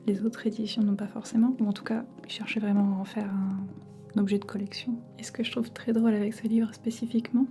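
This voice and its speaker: Woman in a soft, mellow library whisper. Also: medium pitch, little pitch movement, brisk, soft background music. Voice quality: soft, breathy unvoiced whisper. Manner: hushed library whisper, informal and chatty. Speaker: ASMR creator. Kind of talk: whispered ASMR book talk, casual.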